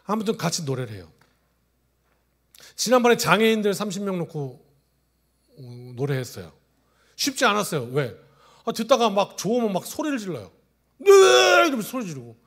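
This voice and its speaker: A male pastor in his forties preaching a sermon, telling stories, swinging from loud exclamations to hushed asides. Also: high voice, very animated, fairly quick, long pauses. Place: church sanctuary.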